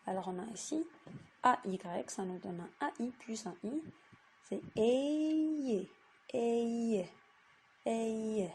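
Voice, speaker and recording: Slow, patient woman teaching reading. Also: on the high side, animated, a little mellow, slight background noise. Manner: slow, patient, repeats each word. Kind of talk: reading lesson for young children.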